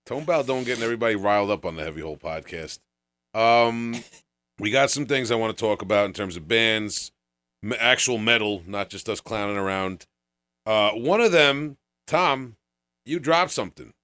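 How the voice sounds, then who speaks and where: A man with a Long Island accent hosts a casual music podcast in a lowish, forward, bright voice. He is blunt and swears freely as he banters, and the sound is dry and close. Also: lively intonation, normal speed, clear, resonant tone, no echo. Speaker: podcast host.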